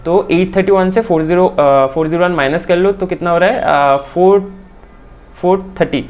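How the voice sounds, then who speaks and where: A man from India teaches a chart lesson at a fast clip. He keeps repeating phrases and checks in with his viewers constantly. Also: high-pitched, darkish tone. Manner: fast, repeats phrases, says "theek hai" often. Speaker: stock market trading teacher.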